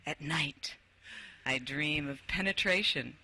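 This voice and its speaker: A woman's voice: deep voice, slow pace, bright, forceful tone, breathy edge. A woman hosting an interview, playful and effusive, who also reads a passage aloud. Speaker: interview host. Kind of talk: casual interview and reading aloud.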